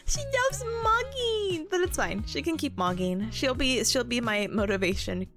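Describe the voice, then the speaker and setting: Her voice is high-pitched with big swings in pitch at a measured pace, heard over music. She's a young streamer running a study stream, giggling and bubbly as she reads viewer messages, her voice partly gone.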